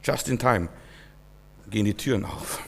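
A man's voice: lowish voice, moderate pace, creaky. A man preaching a sermon in a folksy way, acting out the figures he quotes. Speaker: pastor. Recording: long reverb of a hall.

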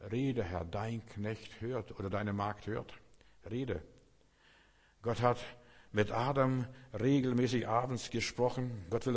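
A middle-aged male pastor delivers a fervent sermon. He rises into loud, emphatic calls and falls back into quiet, intimate phrases. His voice carries a long reverb from a large church hall. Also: mid-range voice. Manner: emphatic preaching, swings between loud and hushed.

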